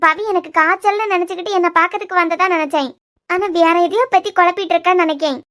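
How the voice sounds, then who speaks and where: A woman voicing Diya, high quick Kanyakumari-accented friend. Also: sharp tone. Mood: earnest. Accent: Kanyakumari Tamil. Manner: earnest, coaxing, quick-talking. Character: caring, frank young woman friend, Diya. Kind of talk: cartoon web series voice acting.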